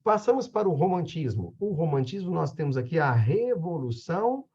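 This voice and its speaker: A male teacher with a Brazilian Portuguese accent gives a lively exam review lecture in a joking, conversational way, checking in with the class after his points. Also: on the high side, normal speed, slightly rough, lo-fi sound.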